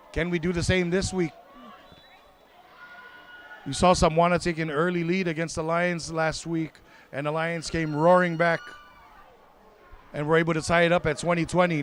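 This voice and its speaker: A man doing live play-by-play for a high school football broadcast, excitable and quick to correct himself mid-call. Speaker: play-by-play commentator.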